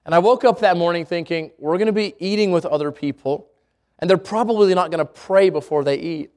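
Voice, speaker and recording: A man's voice: high-pitched, brisk, darkish tone. A middle-aged man, preaching a sermon in a candid, conversational way full of personal stories. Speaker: pastor.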